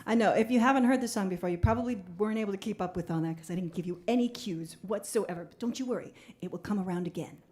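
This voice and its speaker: A woman's voice: mid-range voice, fast, few pauses, a little mellow. A woman singer-songwriter chatting playfully between songs at her live-streamed concert, reading viewer comments aloud. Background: guitar playing.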